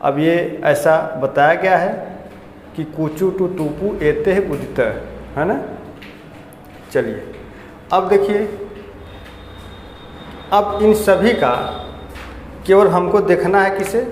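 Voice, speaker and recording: High-voiced man teaching in an echoey classroom. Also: slow pace, pauses often, slight background noise. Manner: explains step by step, asks and answers his own questions. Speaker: Hindi grammar teacher. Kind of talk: classroom lecture. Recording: echoey room with long reverb.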